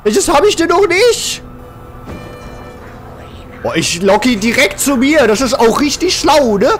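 A man hosting a let's play with casual, jokey commentary, often yelling and laughing at the game. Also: very high-pitched, very animated, a little slow, faint music behind.

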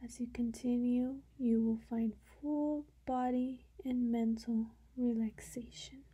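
A slightly high-pitched woman leads a meditation, her breathy, gentle voice regularly slipping toward a whisper. She delivers calm guidance with long pauses.

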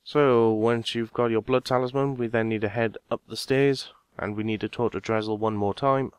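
A man's voice: mid-range voice, steady tone, normal speed, clean tone, no room sound. A man giving casual step-by-step game walkthrough narration, talking straight to his viewers.

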